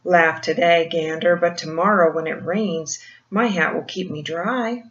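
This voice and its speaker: A woman's voice: lowish voice, steady tone, unhurried, fairly bright tone. A woman voicing a small, proud, defensive male hedgehog with earnest retorts in a storybook reading. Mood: defiant, indignant. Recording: muffled, roomy home recording.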